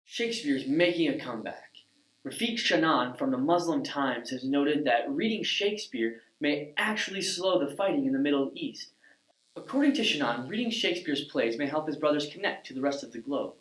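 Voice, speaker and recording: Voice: medium pitch, animated, normal speed, fairly bright tone, distant mic, close to an everyday voice. Someone playing a cocky boyish hero. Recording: echoey room, off-mic.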